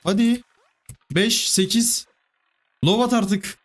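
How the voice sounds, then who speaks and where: Excitable man pleading over gameplay. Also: high voice, slow pace. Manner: excitable, pleading and cursing at the game. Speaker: gaming YouTuber. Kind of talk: live gameplay commentary.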